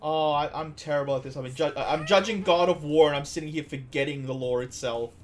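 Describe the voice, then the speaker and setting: A man's voice: on the high side, fairly quick, soft background music. A man from Iceland streaming a game, chatting casually and drifting into long trivia asides with frequent restarts. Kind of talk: casual gameplay commentary.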